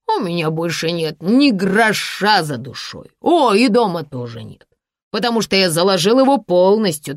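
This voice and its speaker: A woman's voice: on the low side, dry recording, studio quality. A woman reading an audiobook, voicing a drunken, boastful ruined man who slurs his words theatrically. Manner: slurred, theatrical, loud. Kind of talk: audiobook character voice.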